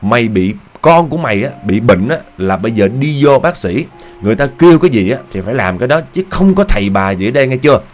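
A man voicing a stubborn, furious old grandfather who scolds roughly. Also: lowish voice, sing-song, a little fast, few pauses, faint music behind. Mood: angry scolding.

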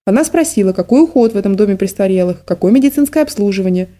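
A woman reading an audiobook voices a guilty young man who defends himself with a whine; her voice is mellow. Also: medium pitch, lively intonation, fast, lightly acted. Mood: defensive. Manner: defensive, whining.

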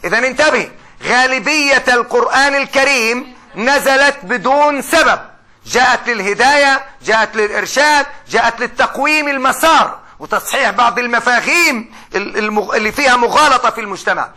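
High, bright, quick-talking lecturer man. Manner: explains with rhetorical questions, stretches recited words. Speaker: Quran studies lecturer. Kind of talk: classroom lecture.

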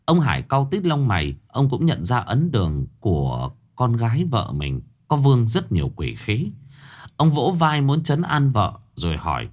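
A man narrating a horror story in a dramatic, expressive scripted style. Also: medium pitch, measured pace.

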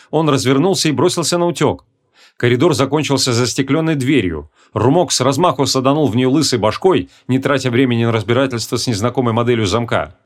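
Lively male audiobook narrator. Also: medium pitch. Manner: expressive, dramatic storytelling.

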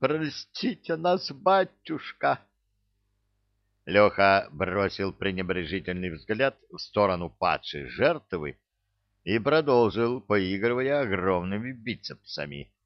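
A low-voiced man narrates a story at a slow, deliberate pace, letting his pitch rise and fall freely for effect. The sound is dry and close, with a slightly dull, muffled top end. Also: lively intonation, no room sound. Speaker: audiobook narrator. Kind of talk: scripted narration.

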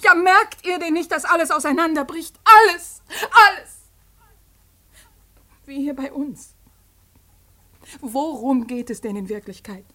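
A distraught young woman defying her father, high and heartfelt, close to tears. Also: moderate pace, pushed and bright. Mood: despairing. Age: young adult. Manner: impassioned pleading, breaking into tears. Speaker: daughter. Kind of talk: radio drama acting.

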